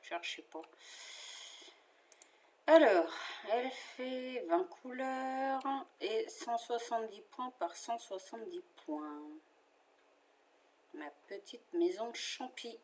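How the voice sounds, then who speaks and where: A woman with a French accent talks through her favorite cross-stitch patterns at an unhurried, unrushed pace. She is chatty and relaxed, with fillers and small asides as she goes. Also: on the high side. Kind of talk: casual chat showing favorite patterns.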